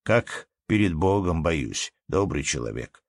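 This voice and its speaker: A man voicing a timid, simple-hearted poor peasant who speaks slowly and humbly. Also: extremely low pitch, sing-song, creaky, dry recording, studio quality, exaggerated voice. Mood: humble. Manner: slow, humble, plaintive.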